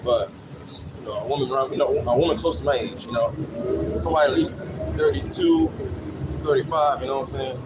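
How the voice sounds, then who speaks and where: Riding a city bus, a vlogger in his late thirties rambles off the cuff, sharing anecdotes and repeating himself, often tacking on "you know what I'm saying." His medium-pitched voice is sing-song and fairly quick, with vehicle and air noise clearly audible.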